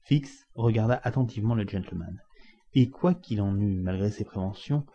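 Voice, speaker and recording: An audiobook reader with a warm, lowish voice narrates a classic novel at a moderate pace, giving it dramatic, varied emphasis in an expressive scripted reading. The recording is dull and lo-fi.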